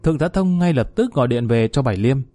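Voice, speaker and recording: A man reading a story aloud in a steady, even narrating voice. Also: medium pitch, fast talker, no echo, soft background music. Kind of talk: scripted narration.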